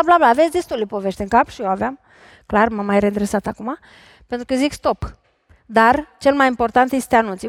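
Lively high-voiced woman therapist on stage. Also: no echo, studio quality. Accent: Romanian. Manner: lively, questioning the audience directly. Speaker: imago couples therapist. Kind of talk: talk on stage before an audience. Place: large concert hall stage.

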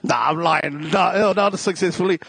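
Speaking at a normal speed in a high, creaky, husky voice with a fairly bright tone, a South Auckland New Zealand comedian tells casual stories on stage. He jokes, runs himself down, and uses plenty of slang, and there's no room sound.

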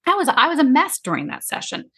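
A woman's voice: high voice, wildly swooping pitch, fast, sharp tone. A woman grief counselor talking casually in an interview, explaining in long run-on sentences.

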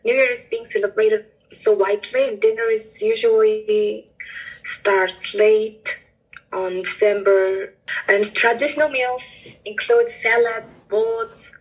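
A woman's voice: mid-range voice, fairly even intonation, slow, rough recording. A woman from Mongolia, speaking as a guest on a podcast. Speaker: international student, podcast guest.

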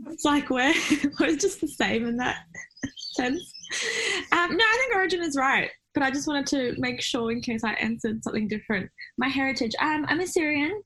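A woman's voice: high voice, animated, normal speed, fairly bright tone, rough recording. A woman from Iraq, a photographer guest, talking in a casual interview in a chatty, reflective way with frequent fillers and laughs.

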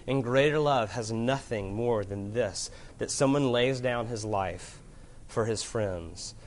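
A man preaching a sermon to a room of listeners, earnest, moving from loud emphasis to hushed gravity. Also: mid-range voice, slow pace, a little hiss or hum. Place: room with an audience.

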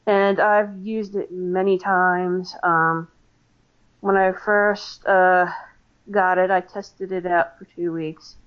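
A woman's voice: on the low side, muffled recording. An American woman, a paranormal investigator, telling stories in a casual interview with lots of fillers and restarts. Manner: chatty, many fillers and restarts.

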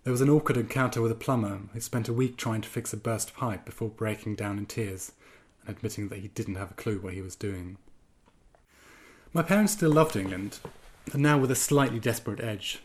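A man from Germany with a somewhat low voice gives halting interview answers as a guest writer, tripping over many ums and restarts whenever he speaks freely. When he reads from his own piece, though, his delivery is steady.

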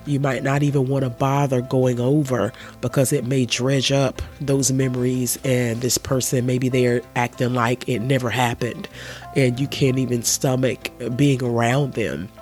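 A man with a cold talks through his podcast, his voice nasal and stuffed-up. His pitch sits in an ordinary middle range, and he offers earnest, gentle advice in an easygoing monologue. Soft music plays faintly underneath. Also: little pitch movement, unhurried. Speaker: podcast host. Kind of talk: casual solo podcast monologue.

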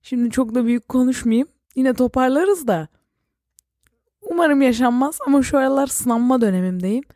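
A young woman hosting a casual solo podcast, rambling and self-mocking with quick jokey asides. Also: sits high, warm tone, dry recording, clean studio sound. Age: young adult. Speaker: podcast host and YouTuber.

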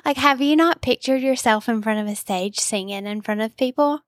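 A woman's voice: on the high side, moderate pace, no room sound, clean studio sound. A woman co-hosting a podcast in casual, slangy, informal conversation. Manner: informal, slangy, filler "like" throughout. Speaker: podcast co-host. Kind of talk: casual chat.

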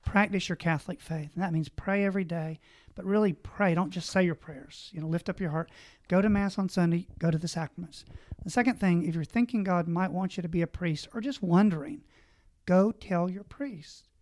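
Earnest priest giving advice. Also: male voice, sits high, fairly quick, a little mellow, no echo. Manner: earnest, exhortative, lists points. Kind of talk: conversational advice on a panel.

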